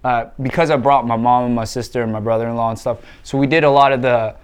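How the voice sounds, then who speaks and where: A man talking as a podcast guest in casual chat, an animated storyteller full of fillers. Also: medium pitch, fast, clear, resonant tone.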